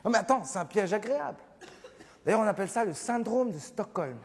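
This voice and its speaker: A man performing a stand-up comedy show on a theatre stage, animated and acting out little scenes. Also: high-pitched, a little fast, noisy background. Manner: animated, acts out scenes with shifting voices. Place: theatre stage with live audience. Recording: live theatre recording, hall reverb, audience laughter. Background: audience laughing.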